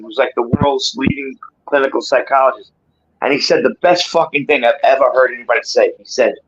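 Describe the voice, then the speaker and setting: A man in his sixties chatting casually and off the cuff, swearing freely and peppering his streetwise talk with bro, dude and man. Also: on the high side. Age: 60s. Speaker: guest in a livestream chat. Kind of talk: casual unscripted chat. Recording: dull lo-fi stream audio, clear background noise.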